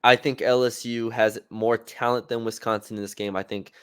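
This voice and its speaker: A man's voice: mid-range voice, little pitch movement, normal speed, a bit bright, clear, resonant tone, no echo, studio quality. A man co-hosting a sports podcast, chatting casually about football picks with fillers and restarts. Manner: conversational, hesitant with fillers and restarts.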